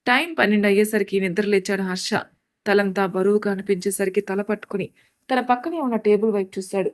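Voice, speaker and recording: A woman storyteller reads a serialized story aloud in steady, scripted narration. Her pitch sits in the middle of the range.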